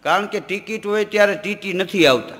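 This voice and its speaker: A man's voice: sits high, fairly quick, a bit bright. A man telling comic stories and reciting verse on stage. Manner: jokey anecdotes with quoted dialogue and recited verse. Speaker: folk comedian and storyteller. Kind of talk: stage comic storytelling to a live audience. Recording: live stage recording with long hall reverb. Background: audience laughter.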